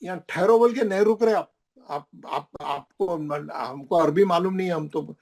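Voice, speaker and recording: A man's voice: sits high, normal speed, a little mellow. A man teaching a recitation class, explaining rules with emphatic repetition and pointing things out on the page.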